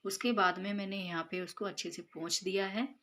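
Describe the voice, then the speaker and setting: A mother in her thirties casually narrates a voice-over for her cooking and chores vlog in her home kitchen, explaining each step with lots of fillers. Her mid-range voice is fairly bright and brisk, with fairly even intonation.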